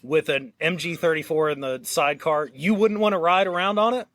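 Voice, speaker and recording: A man's voice: on the high side, fairly quick, a bit bright. A man co-hosting a podcast in casual chat, often stumbling and repeating words as he starts a sentence. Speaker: podcast co-host.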